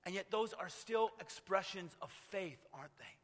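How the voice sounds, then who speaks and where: A man's voice: sits high, lively intonation, moderate pace, fairly bright tone. A man preaching a sermon in an earnest manner, often asking the listeners rhetorical tag questions. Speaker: pastor. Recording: long hall reverb.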